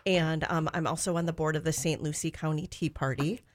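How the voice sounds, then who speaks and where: A woman with a low voice co-hosts a chat show. She talks eagerly and chattily, with plenty of enthusiasm. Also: fairly even intonation, a little fast. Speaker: co-host. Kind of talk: casual chat.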